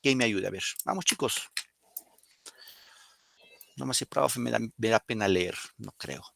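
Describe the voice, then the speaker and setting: Man, teacher, Peruvian Spanish accent, rough gravelly tone, dry sound, explains and quizzes the class. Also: on the low side, unhurried, fairly bright tone, dry recording. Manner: explains and questions students, reads poems aloud. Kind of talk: classroom lesson.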